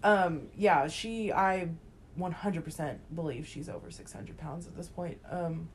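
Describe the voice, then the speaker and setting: A woman's voice: lowish voice, measured pace. A woman in her twenties co-hosting a podcast, chatting bluntly and swearing freely. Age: 20s. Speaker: podcast co-host. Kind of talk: casual chat. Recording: faint background noise.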